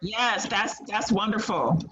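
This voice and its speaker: A woman's voice: medium pitch, slow, fairly bright tone, husky. Woman teacher on a video call. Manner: patient, encouraging, troubleshooting audio. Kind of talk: online class. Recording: slightly muffled call audio, faint noise.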